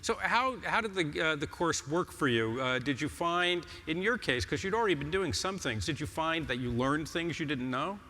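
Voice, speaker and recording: A man's voice: fairly high pitch, expressive, normal speed, few pauses. A man hosting a stage interview at a conference, chatty, with many restarts. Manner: warm, chatty, stumbling restarts. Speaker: host on stage. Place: large conference hall. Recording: reverberant hall, stage mic.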